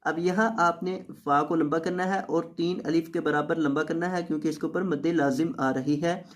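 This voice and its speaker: A Quran teacher giving a tajweed lesson, reciting each word slowly and drawn out several times, then explaining the rules in quick, softer asides. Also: medium pitch, fairly even intonation.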